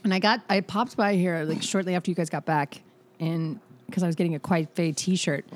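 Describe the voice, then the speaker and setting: Female podcast host, lower pitch, joking and profane. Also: steady tone. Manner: playful, profane, quick to tease. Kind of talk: casual podcast chat.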